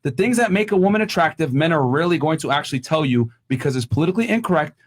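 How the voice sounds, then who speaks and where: A young man talks quickly and bluntly, with a voice that sits a little above most men's. He hosts a heated panel discussion and drives each point home with assertive emphasis. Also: fairly high pitch, expressive. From Connecticut, US. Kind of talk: opinionated panel debate.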